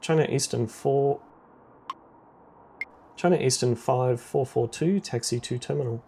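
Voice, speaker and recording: Speaking at an unhurried pace, this man voices an air traffic controller in a sim game. His creaky, mid-range voice has a dark tone as he gives short, by-the-book radio instructions.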